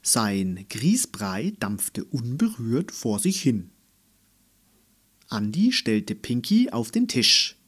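A man reading a children's story aloud in an expressive, storytelling manner. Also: mid-range voice, husky. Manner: slow, expressive storytelling with lively intonation. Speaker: narrator.

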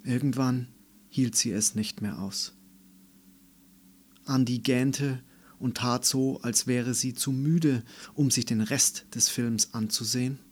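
Male narrator for a children's book, unhurried, calm, mid-pitched. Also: slightly rough. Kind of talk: scripted storybook narration.

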